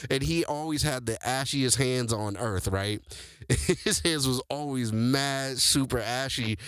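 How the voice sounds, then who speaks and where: A man's voice: medium pitch, measured pace, fairly bright tone, clean tone, no echo, clean studio sound. A man in his forties, host of the show, telling stories from his life casually to listeners, with loose slangy speech and frequent laughter. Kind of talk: casual storytelling to an audience.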